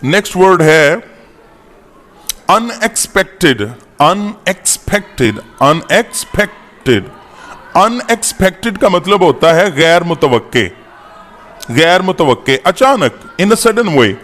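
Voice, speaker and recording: A man teaching an English-to-Urdu lesson, slowly repeating each word and its meaning. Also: high-pitched, animated, fairly bright tone, long reverb tail. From Pakistan. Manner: spells out words slowly, repeating each one.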